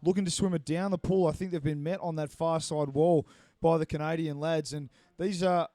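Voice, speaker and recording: A man's voice: fairly high pitch, fairly even intonation, normal speed, mellow, dry recording. A man doing live play-by-play commentary, chatty and reading out viewer messages. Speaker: sports commentator.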